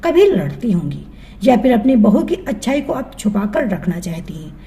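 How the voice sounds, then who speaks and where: A woman's voice: a little high, big pitch swings, moderate pace, mellow, voice pushed down. A woman voicing a frank young niece in a storybook tale, speaking candidly.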